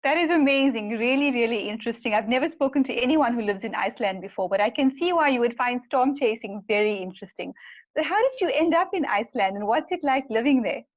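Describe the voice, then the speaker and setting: A woman hosting an online interview, measured and scripted. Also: a little high, animated, dull audio. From South Africa. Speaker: host.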